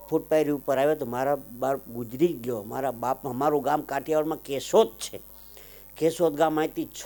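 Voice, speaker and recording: A man with a Kathiawadi Gujarati accent telling emotional folk anecdotes on stage, swelling loud on some lines and dropping low on others. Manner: dramatic swells, loud declaiming then softer asides. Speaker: folk storyteller and comedian.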